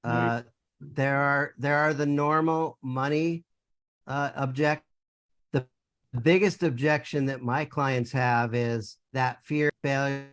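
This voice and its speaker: A man asking a question on a group video call, speaking haltingly with fillers while his internet audio glitches and cuts out. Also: medium pitch, steady tone, fairly bright tone, smooth, dry recording. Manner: halting, fillers between phrases. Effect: internet call audio glitching and cutting out. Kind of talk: casual question on a live call.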